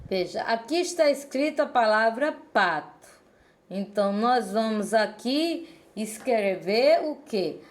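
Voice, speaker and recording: A woman teaching a language lesson, explaining slowly and asking rhetorical questions. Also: on the high side, expressive.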